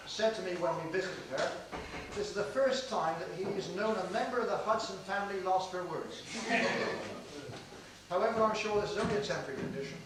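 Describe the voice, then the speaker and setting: A middle-aged man, the father of the bride, giving a measured, joking wedding toast, heard on an old VHS home video. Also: sits high. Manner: measured, joking formal delivery. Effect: old VHS home video tape. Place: large room at a wedding reception. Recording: echoey hall, far from the camera, hiss on the tape.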